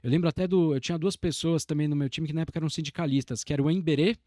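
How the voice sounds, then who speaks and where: Brazilian man, 40s, podcast guest; slightly high voice, reflective storyteller, dry close mic. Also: fairly even intonation, racing, warm tone, no echo. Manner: reflective, meandering storytelling with many restarts. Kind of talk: casual interview conversation.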